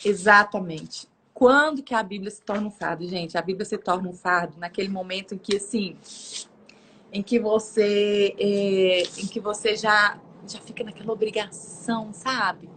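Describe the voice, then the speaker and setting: A woman, telling a faith story in a lively, casual way, acting out voices and laughing often. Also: moderate pace, slight background noise. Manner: lively, acts out quoted voices with big pitch jumps.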